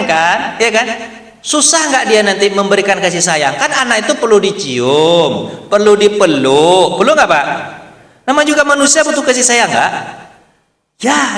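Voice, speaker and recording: A man lectures a mosque study circle in a high, bright voice. He keeps firing questions at his listeners and answering them himself, repeating key phrases. The sound rings with the echo of a large hall. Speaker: Islamic teacher.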